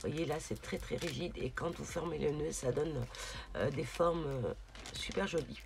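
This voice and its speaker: A woman's voice: low voice, normal speed, vocal fry. A woman showing her craft shopping haul in a casual video, often stopping with hesitations to search for words. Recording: noticeable background noise, crinkling. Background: rustling and crinkling of packaging.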